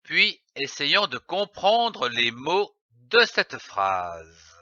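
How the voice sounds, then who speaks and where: A man giving a scripted reading lesson, spelling letters and syllables out slowly and clearly. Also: fairly high pitch, wildly swooping pitch, pushed and bright, dry recording. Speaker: reading teacher. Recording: dull, slightly lo-fi audio.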